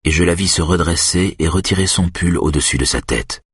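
Very deep husky male narrator. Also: fairly quick, dry recording, studio quality. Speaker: audiobook narrator. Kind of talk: first-person literary narration.

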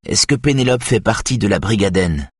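A man's voice: on the low side, animated, fairly quick, slightly rough, dry recording, clean studio sound, pitched above the performer's own voice. A man voicing an adult woman police officer who talks in an urgent, commanding way. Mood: questioning.

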